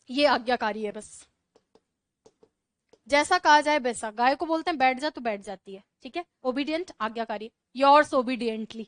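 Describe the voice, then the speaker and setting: Female teacher, high pitch, dry close sound, brisk chatty classroom lecture. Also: no room sound. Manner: brisk, chatty teaching with rhetorical questions to students. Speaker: English vocabulary teacher.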